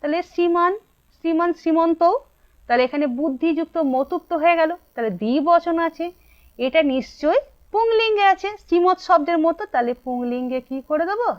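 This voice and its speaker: Speaking a little fast in a very high, animated voice, a Bengali-accented woman runs a grammar lesson where she quizzes her students and supplies the answers herself. The audio is dull and lo-fi.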